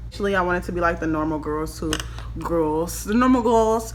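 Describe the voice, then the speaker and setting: With a deep, level voice and a brisk pace, a woman in her twenties gives a makeup tutorial to camera from a small room at home. Her casual chat turns into a giggly, tipsy ramble, and there is slight background noise.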